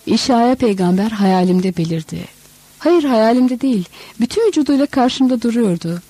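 A woman's voice: mid-range voice, warm tone, breathy edge, dry recording, low-quality recording. A woman voicing an earnest, sleepless wandering teacher in a storybook reading. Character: weary, intense wandering teacher, man.

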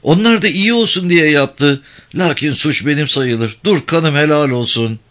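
A man's voice: on the high side, a little slow, fairly bright tone. A man doing a meek, servile head guard. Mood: pleading. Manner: meek, submissive replies.

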